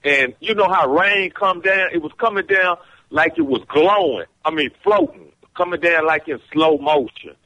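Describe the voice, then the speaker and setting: A man's voice: a little high, lively intonation, normal speed, sharp tone. Man on a breaking-up phone call. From Richmond, Virginia. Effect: breaking-up, glitchy phone-call audio. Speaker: caller.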